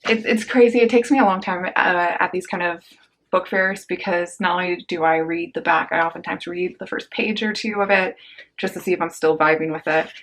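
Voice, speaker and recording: Young woman doing a book haul vlog, kinda low voice, casual and slangy, lots of little asides. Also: fairly even intonation, a bit bright. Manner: chatty and slangy, with quick asides and laughs. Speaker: book vlogger.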